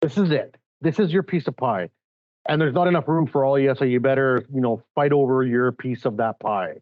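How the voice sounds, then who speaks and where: A man from Chile hosts a podcast chat in an emphatic, animated way. His voice sits at a middle pitch. The sound is muffled and very dry. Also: a little fast, dry recording. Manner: animated, emphatic, builds points with examples. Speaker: podcast host. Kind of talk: casual interview chat.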